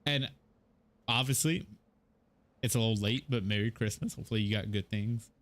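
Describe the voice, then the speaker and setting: A man's voice: on the low side, moderate pace, fairly bright tone. A man in his twenties from Mexico, chatting casually and a bit hesitantly while streaming a game. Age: 20s. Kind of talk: casual gameplay chat.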